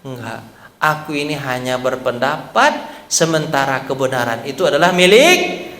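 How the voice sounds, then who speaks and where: A man preaching in a mosque, voicing a humble, remorseful male companion in a soft, self-effacing way. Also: mid-range voice, animated, normal speed, pitched below the performer's own voice. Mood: modest. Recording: echoey hall reverb.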